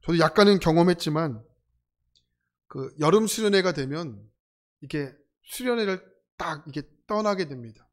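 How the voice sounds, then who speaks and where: A man's voice: a little high, normal speed. A middle-aged man from South Korea preaching a sermon, telling stories with humor and acting out the voices of people in them. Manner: animated, acts out quoted voices. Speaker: pastor.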